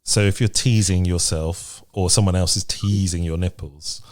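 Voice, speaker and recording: On a remote podcast recording, a male co-host chats casually, talking frankly and matter-of-factly. His voice is deep with a darkish tone, and he speaks at a moderate pace with fairly even intonation.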